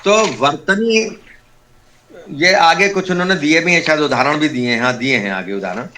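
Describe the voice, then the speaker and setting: A man teaching a Sanskrit class online, his voice fairly high and bright. He explains patiently, step by step, and repeats each key term. The sound is that of a video call. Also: moderate pace.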